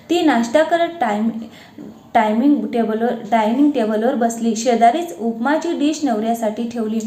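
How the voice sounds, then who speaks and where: Woman, storyteller, expressive narration, slightly high voice, echoey room.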